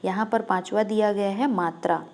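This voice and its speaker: A woman's voice: mid-range voice, fairly even intonation, normal speed, darkish tone. A woman teacher giving an exam-prep lesson, explaining step by step and asking questions that she answers herself. When she demonstrates a sound, she draws it out.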